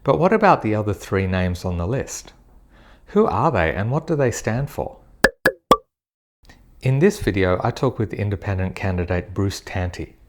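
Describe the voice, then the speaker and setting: A man's voice: fairly low pitch, sing-song, moderate pace. A man hosting a casual interview, asking questions with many hesitations and fillers. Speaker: interviewer, channel host.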